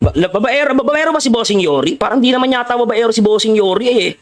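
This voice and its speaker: A man's voice: very high-pitched, lively intonation, quick pace. A man with a Filipino accent giving playful, teasing commentary while live-streaming a game and greeting his viewers.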